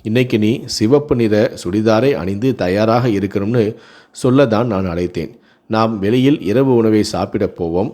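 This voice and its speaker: A man's voice: lowish voice, normal speed, mellow, close to an everyday voice. A man voicing a pushy, possessive young husband who talks in an insistent, teasing way.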